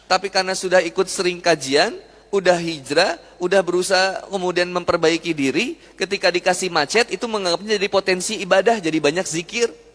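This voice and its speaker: This young preacher's voice sits high and a bit bright, and he talks a little fast. He delivers a lively, jokey, conversational sermon to a live audience, firing questions at the crowd, with long hall reverb in the background.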